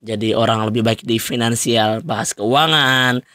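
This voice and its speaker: A man's voice: mid-range voice, fairly even intonation, a little slow, bright, forceful tone, no room sound, clean studio sound. A young man hosting a solo podcast, talking loosely and rambling with frequent fillers and laughs. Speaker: podcast host. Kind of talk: solo casual podcast monologue.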